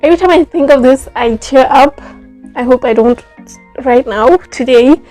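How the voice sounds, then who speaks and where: A young woman, telling a personal story in a casual, animated vlog, full of fillers like "like" and "yo". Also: high-pitched, moderate pace, faint music behind. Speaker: vlogger.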